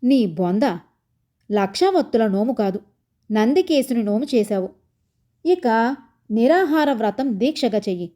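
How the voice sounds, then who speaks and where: A blunt female friend who lectures without mercy, as a woman storyteller puts her on. Her bossy, scolding tone rings out in a fairly high, mellow voice. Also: lively intonation, unhurried, long pauses.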